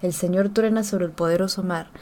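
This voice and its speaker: A woman's voice: lowish voice, fairly even intonation, fairly quick, dark tone. A woman co-hosting a casual chat, reading verses and sharing her own notes with easy laughter. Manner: reads verses, then shares notes, laughing easily. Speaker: podcast co-host. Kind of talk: casual Bible study chat.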